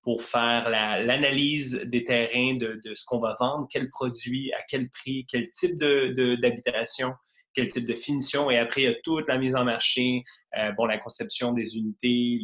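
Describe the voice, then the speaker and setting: A man in his thirties from Quebec, speaking with a Quebec French accent, chats easily as a guest on a remote podcast. His mid-range voice is a bit bright, and his casual talk is full of fillers and restarts.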